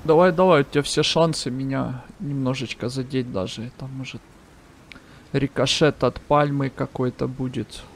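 A man's voice: mid-range voice, fairly even intonation, moderate pace, a little hiss or hum. A man doing casual gameplay commentary in a slangy, jokey way with heavy swearing. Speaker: gaming video maker.

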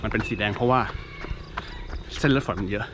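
A man's voice: on the low side, fairly quick. A man giving a casual explanation while running outdoors, speaking in short broken phrases. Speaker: running coach-style vlogger explaining training. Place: outdoors, on the move. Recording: noisy outdoor recording with traffic and ambience.

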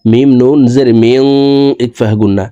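A man teaching Quran reading, spelling out each letter slowly and then chanting the verses long and drawn out. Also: mid-range voice, dark tone, dull audio. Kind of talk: recitation lesson.

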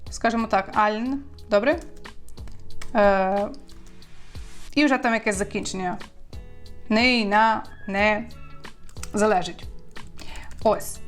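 Woman teacher running a language lesson, upbeat, asks questions, soft music under it. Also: medium pitch. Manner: lively, asks learners questions and drills words slowly.

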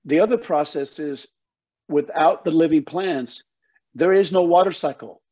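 This older guest, a soil health educator, has a fairly high, slightly mellow voice and speaks unhurriedly. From his home office over a video call with slightly dull audio, he gives passionate explanations in an emphatic, folksy interview manner.

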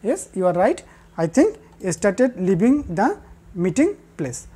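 A woman teaching a class, repeating the key answers and pausing with fillers. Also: mid-range voice, sing-song, dark tone, slightly rough. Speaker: English teacher. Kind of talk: recorded classroom lesson.

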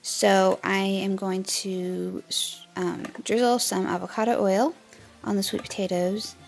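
Gravelly-voiced woman walking through a recipe. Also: mid-range voice, unhurried, faint music behind, rough recording. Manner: relaxed step-by-step explaining. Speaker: cooking vlogger. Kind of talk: casual cooking voice-over. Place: home kitchen.

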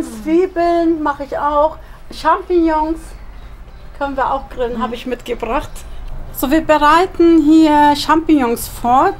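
A woman in her thirties with a Turkish accent, chatting through a home cooking vlog and explaining each step as she goes. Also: high-pitched. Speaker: cooking channel host. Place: home kitchen and garden barbecue.

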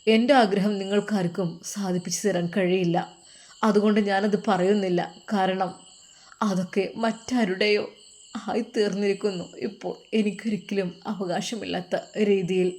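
A woman voicing a heartbroken young man who speaks in a hushed, halting, sorrowful way. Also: mid-range voice, steady tone, close to an everyday voice.

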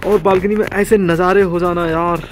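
A man vlogging from a hotel balcony in the snowy mountains, excited and chatty, slipping English phrases into his talk and coughing now and then. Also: sits high, normal speed, faint music behind. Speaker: travel vlogger. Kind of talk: casual vlog narration.

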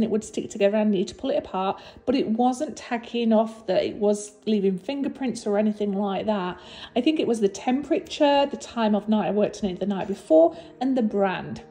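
This slightly husky woman has a fairly high, mellow voice and narrates a craft video casually as a resin artist and channel host. She's chatty, warm and encouraging, with fillers and restarts, though her energy is low after recent surgery.

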